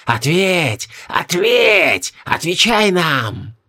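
A man voicing the ghosts of a dead king and queen, speaking in a hushed, reproachful whisper. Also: sits high, big pitch swings, extremely slow, voice pushed up, exaggerated voice. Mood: accusing. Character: eerie whispering ghosts of dead royal parents, accusing.

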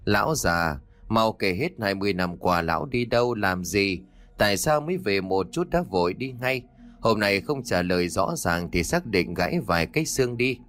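A man's voice: fairly low pitch, animated, moderate pace, a bit bright. A man voicing a stern, jealous old wife who speaks in cold commands, in a read-aloud ghost story.

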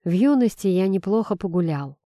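A woman voicing a stern middle-aged father who speaks in a low, measured, weary way. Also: animated, warm tone, no room sound, clean studio sound, lightly acted. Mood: grim.

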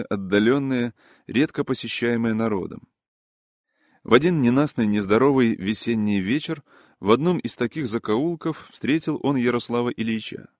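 A man narrating a literary audiobook in a measured, even reading manner. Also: medium pitch, no echo, studio quality.

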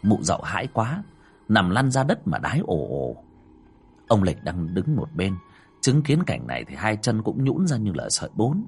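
Husky male storyteller. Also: on the low side, normal speed, faint music behind. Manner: expressive storytelling. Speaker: narrator. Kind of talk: dramatic ghost story narration.

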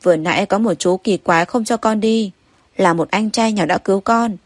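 A woman voicing a frightened five-year-old girl who speaks in a halting, tearful way in an audiobook story. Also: medium pitch, no echo, lightly acted.

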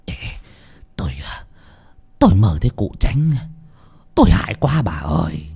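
A man's voice: fairly low pitch, big pitch swings, drawn-out words, darkish tone, husky, exaggerated voice. A man voicing a terrified old village landlord who stammers and begs. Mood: shaken. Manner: stammering, begging, breathless.

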